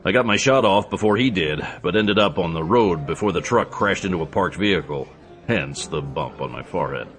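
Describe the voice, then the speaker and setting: Tough action hero, extremely low voice, dry and understated, audio drama over clear music. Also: male voice, expressive, a little fast, a bit bright. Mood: matter-of-fact. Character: tough, laconic male action hero, drily teasing.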